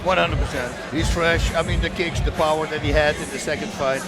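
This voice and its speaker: A man's voice: fairly high pitch, steady tone, a little fast. A man giving emphatic live fight commentary as an analyst, repeating himself and exclaiming. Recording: loud music and crowd noise.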